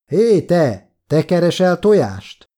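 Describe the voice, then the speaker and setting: A man voicing a gruff bearded giant trader. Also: mid-range voice, animated, mellow. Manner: blunt, terse dealer's talk. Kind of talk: audiobook character voice.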